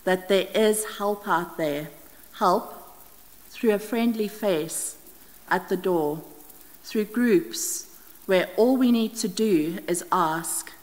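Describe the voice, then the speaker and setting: A middle-aged woman from the Scottish Highlands reading prayers aloud at a church lectern, steady and careful, with small slips as she reads. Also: slow pace. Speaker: prayer leader. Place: church hall with brick wall, indoors. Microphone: stand mic at lectern, wide camera. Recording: long hall reverb.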